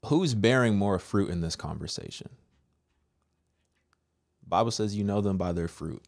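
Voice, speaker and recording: Low-voiced man giving preachy commentary. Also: animated, measured pace, gravelly. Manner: preachy, uses rhetorical questions. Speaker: reaction video host. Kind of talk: commentary on a played video. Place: small indoor room. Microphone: close desk microphone with headphones.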